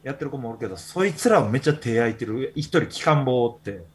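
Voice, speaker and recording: Husky Kansai man, podcast host, easygoing chatty storyteller. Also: mid-range voice, animated, fast talker. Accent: Kansai Japanese. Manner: rambling storytelling with many fillers. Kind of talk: casual chat.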